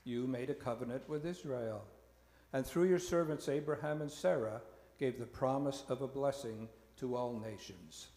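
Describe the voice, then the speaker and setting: A man acting as presiding minister, leading a liturgical prayer in a slow, measured intoning voice, with a long cathedral-like echo in a large church. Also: mid-range voice, warm tone. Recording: echoey church hall with music.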